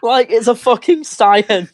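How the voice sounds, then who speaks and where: A man's voice: very high-pitched, takes it slowly, dry recording. A man hosting a casual podcast chat, joking sarcastically and reading steps aloud. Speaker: podcast host.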